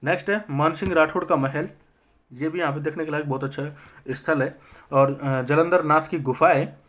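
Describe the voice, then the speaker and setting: A young man teaching a history lesson for exam prep. He asks himself quick questions, answers them, and keeps checking in with his listeners. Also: a little high, fairly bright tone.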